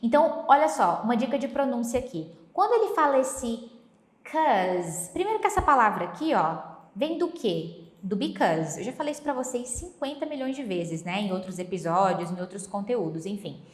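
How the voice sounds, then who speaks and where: A Brazilian woman with a somewhat high voice teaches English pronunciation through a song. She explains each point step by step and repeats lyric lines slowly. Her voice rings in a noticeably echoey room. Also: animated.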